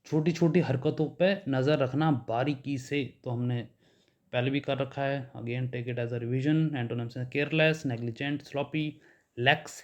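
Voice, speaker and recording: A man's voice: mid-range voice, darkish tone. A man teaching an exam vocabulary lesson in Hindi mixed with English, explaining each word with everyday examples.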